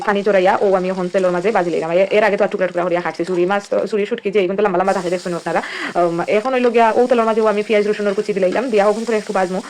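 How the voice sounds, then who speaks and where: A woman's voice: medium pitch, darkish tone, a little hiss or hum. A woman with a Sylheti accent, chatting casually as she walks through a home recipe step by step. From Sylhet, Bangladesh. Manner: chatty, explains each step as she cooks. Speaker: cooking vlogger. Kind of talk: casual cooking narration.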